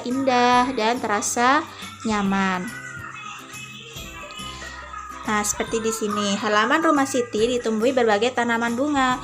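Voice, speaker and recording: A woman religious teacher giving a lesson to children, explaining gently and patiently with many "nah" and "eh" fillers. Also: on the high side.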